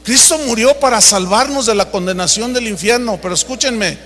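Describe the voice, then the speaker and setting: A man's voice: high-pitched, moderate pace, a bit bright, slight background noise. A man preaching a sermon, emphatic and acting out stories as he goes. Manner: emphatic preaching with acted-out anecdotes. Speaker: pastor. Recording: reverberant hall.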